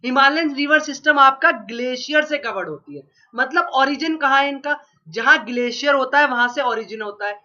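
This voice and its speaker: Captured in a dull, lo-fi recording, a geography teacher talks at normal speed in a very high-pitched, bright, forceful voice. He's got a sore throat from a cold and coughs now and then while prepping the class for exams, repeating answers to the questions he asks.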